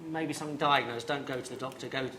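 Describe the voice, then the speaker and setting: A man, a comedian panelist, telling a halting, rambling story in a self-deprecating way on a live panel show. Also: mid-range voice, fairly even intonation, pushed and bright, roomy sound, a little hiss or hum.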